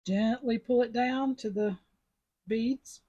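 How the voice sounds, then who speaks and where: Husky-voiced woman teaching beadwork. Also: a little high, takes it slowly, mellow, dull audio. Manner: chatty, step-by-step instructions. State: sucking a mint after coughing. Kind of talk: casual craft tutorial.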